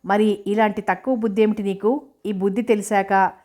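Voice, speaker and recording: Woman narrator voicing a proud, furious young teacher in a novel reading; scolding, level pitch. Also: steady tone, moderate pace, close to an everyday voice. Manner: sharp scolding retorts.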